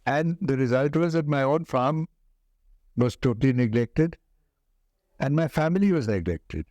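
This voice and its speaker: An older man with an educated upper-class Indian accent, answering interview questions in a deliberate, emphatic way and repeating phrases for stress. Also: medium pitch, lively intonation, a little mellow, no room sound, lo-fi sound.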